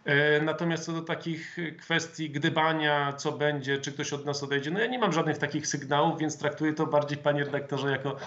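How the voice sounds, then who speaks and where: A man in his thirties, a member of parliament, answering interview questions over a video call in a measured, formal way with some hesitant fillers. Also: fairly high pitch, steady tone, fairly bright tone. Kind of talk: political interview. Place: home office with flag, indoors. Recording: dull lo-fi video call audio.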